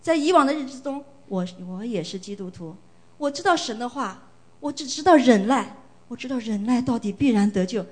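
A woman's voice: a little high, animated, fairly quick. A middle-aged woman from China giving an earnest, emotional church testimony, often repeating phrases for emphasis.

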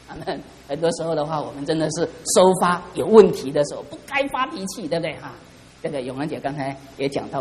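A man's voice: high-pitched, darkish tone. A middle-aged man preaching a sermon as pastor, fervent and calling out to the congregation for responses. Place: church hall. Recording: reverberant church hall.

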